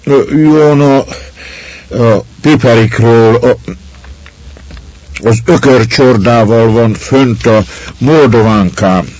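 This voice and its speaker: A man's voice: medium pitch, a little mellow, no echo, dull audio, voice pushed up, lightly acted. A man voicing a frightened young shepherd who stammers and halts over his words, in a storybook reading. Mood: cowed. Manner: stammering, halting.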